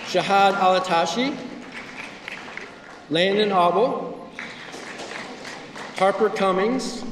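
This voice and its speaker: A man giving a ceremony speech as honor society advisor, slowly reading out students' names. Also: sits high. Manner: slow, reading out a list of names. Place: large school gymnasium. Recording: echoey gym from far off, crowd noise. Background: crowd murmur.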